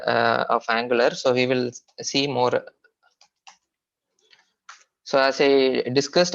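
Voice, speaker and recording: A software trainer with an Indian accent teaches a technical class in a medium-pitched voice, explaining informally with frequent hesitations and repetitions. The audio sounds dull and low-fidelity, like an online training recording.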